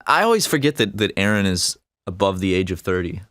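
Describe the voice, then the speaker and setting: A man co-hosting a gaming channel, joking in a deadpan, absurd way while he plays. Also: deep voice, a little fast, no echo. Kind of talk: improvised banter while gaming.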